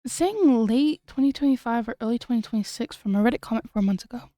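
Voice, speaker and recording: A young woman streamer talking casually, her slightly high voice full of giggles and half-finished thoughts. She rambles and restarts. The sound is close and dry, with no room around her. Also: animated, fast, warm tone, dry recording. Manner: chatty, giggly, trails off and restarts. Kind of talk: casual late-night stream chat.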